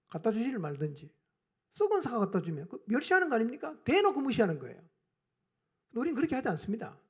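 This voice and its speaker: A pastor delivers a Sunday morning sermon in a slightly husky voice. The pitch is animated and ranges widely. Rhetorical questions to the congregation keep coming, and the volume rises and falls from hushed to forceful. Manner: swings between quiet and loud emphatic lines.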